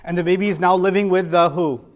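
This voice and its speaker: A man's voice: high voice, fast. A man telling a story to a room of children, quizzing them as he goes. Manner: animated, asks the kids questions. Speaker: teacher of children.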